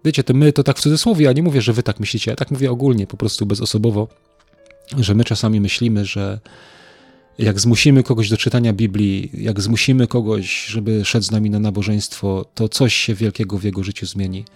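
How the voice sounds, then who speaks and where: A man's voice: fairly low pitch, fairly even intonation, quick pace, darkish tone, breathy edge, dry recording, soft background music. A man preaching an informal sermon, talking conversationally with many fillers, repeated words and tag questions to the listeners.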